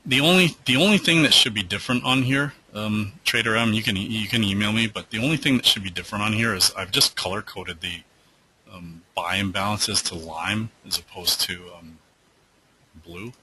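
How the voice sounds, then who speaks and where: A man's voice: on the low side, normal speed, pushed and bright, slight background noise, rough recording. A man hosting a live trading webinar who answers viewer questions in a loose, rambling way with lots of fillers, and who is losing his voice.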